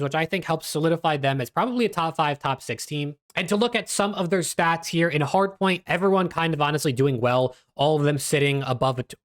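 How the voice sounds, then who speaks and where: Hosting an esports recap video from a webcam setup, a man offers casual analysis in a fairly high-pitched voice. Stitches from recent dental surgery leave his speech a little constrained.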